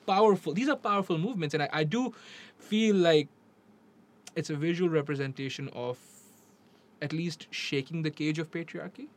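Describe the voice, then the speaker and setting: A podcast host with a Pakistani accent chats casually, switching between English and Urdu. His voice is a little high and his pace moderate, and his informal, emphatic style has him repeating phrases often.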